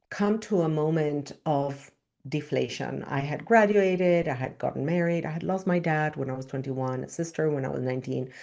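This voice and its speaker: Low-voiced woman. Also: vocal fry. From Argentina. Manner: expressive, emphatic storytelling. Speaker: spiritual teacher. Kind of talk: personal storytelling talk.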